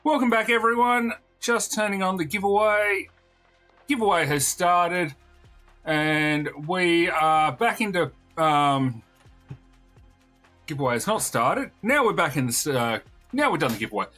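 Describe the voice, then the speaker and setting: Man streamer, hoarse voice, fairly high pitch, bright tense tone, chatty, faint music behind. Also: animated, unhurried. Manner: chatty, greets viewers while playing. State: hoarse, losing his voice. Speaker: game streamer. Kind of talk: casual live-stream chat.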